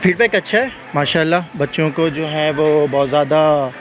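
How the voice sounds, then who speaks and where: A man, a parent at an outdoor school carnival giving polite, halting interview answers. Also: on the high side, a bit bright. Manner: polite, hesitant, searching for words.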